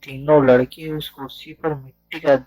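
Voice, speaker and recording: A man's voice: on the high side, level tone, moderate pace, mellow, dry recording. A man narrating a village ghost story as a storyteller.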